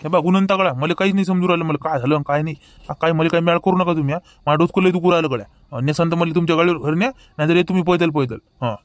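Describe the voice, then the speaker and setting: A man's voice: a little high, very fast, dry recording, clean studio sound, lightly acted. A man with a Vidarbha Marathi accent playing a confused, protesting village man in a rustic comedy sketch.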